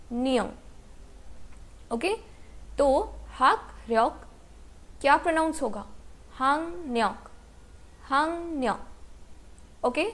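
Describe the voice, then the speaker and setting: A woman teaching a language lesson, patiently spelling out sounds and answering her own questions. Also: sits high. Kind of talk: slow explanatory lesson narration.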